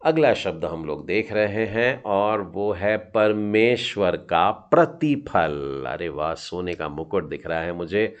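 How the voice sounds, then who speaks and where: Slow, low-voiced man teaching patiently. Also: lively intonation, clean tone, muffled recording. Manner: patient, encouraging, sounds out letters. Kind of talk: children's Hebrew lesson.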